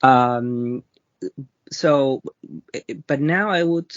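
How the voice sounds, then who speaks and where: A man with a Peruvian accent speaks at a medium pitch, taking his time and reshaping his sentences as he thinks. His answers come across as a thoughtful interview. The recording is dry and slightly dull, like a lo-fi line. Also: no echo. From Peru. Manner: thoughtful and halting, often pausing and restarting. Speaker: interview guest, researcher.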